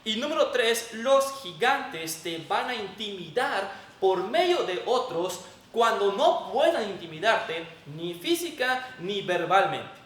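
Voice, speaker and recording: Speaking slowly but with great animation, a man with a high, somewhat bright voice and a Mexican accent preaches emphatically, teaching as he goes. His sermon features Bible reading and prayer, picked up by a distant mic in an echoey room with faint noise.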